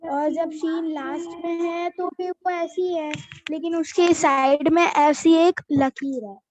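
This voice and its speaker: High-voiced woman teaching letters patiently. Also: fairly even intonation, slow pace, darkish tone, no room sound, poor audio. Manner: patient, repeats each letter name. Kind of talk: children's alphabet lesson.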